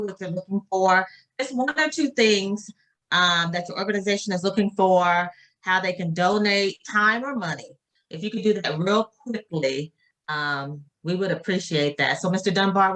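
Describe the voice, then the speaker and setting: A woman's voice: medium pitch, fairly bright tone. A woman co-moderating a panel, politely directing questions to guests. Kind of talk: casual panel talk.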